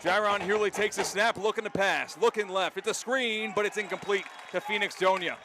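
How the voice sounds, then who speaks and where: An American-accented play-by-play announcer with a fairly high voice calls a football game in an animated, descriptive way, speaking a little fast. The live broadcast comes from an outdoor stadium, with loud crowd noise all around him.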